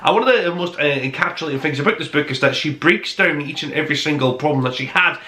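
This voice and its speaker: In a reverberant space, a man presents his review podcast's top-five rundown with conversational enthusiasm and emphasis. He speaks fast, his voice a little high with a sharp tone.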